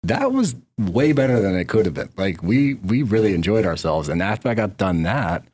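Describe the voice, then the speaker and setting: A man with a very low, deep voice tells stories as a guest in a casual podcast conversation. His delivery is laid-back and slangy, easy and unhurried. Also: big pitch swings, a little mellow, husky.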